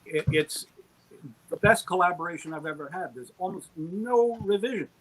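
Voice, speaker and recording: In a poorly recorded online call with a little background noise, a middle-aged audio drama producer answers interview questions. His high, fairly bright voice is expressive and moves at a moderate pace as he spins rambling, self-deprecating, enthusiastic anecdotes.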